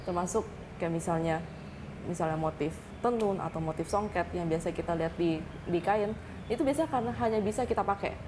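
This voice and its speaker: A young woman from Indonesia, a paper-cutting artist, explaining her work in a TV interview. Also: on the low side. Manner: fast, earnest, explaining with many fillers. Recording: noisy TV studio.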